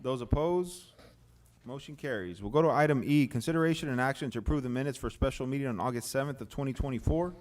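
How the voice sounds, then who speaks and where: A man with a mid-range voice chairs a public meeting as mayor. He reads agenda items and procedural motions in a measured, formal way. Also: mid-range voice, darkish tone. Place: city hall commission meeting.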